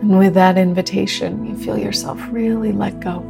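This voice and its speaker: A woman leading a guided meditation like a sleep story narrator, speaking gently and slowly with long pauses. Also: medium pitch, fairly even intonation, vocal fry. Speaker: meditation teacher leading a group practice. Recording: new-age music under the voice. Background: soft new-age music.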